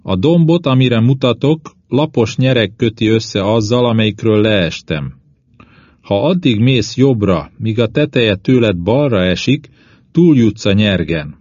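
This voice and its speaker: A calm, practical male explorer, voiced by a man reading a storybook, explaining directions with patient reassurance. His voice sits noticeably higher and louder than the narration around it. The recording is dry and dull, with a lo-fi edge. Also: no room sound. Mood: instructing.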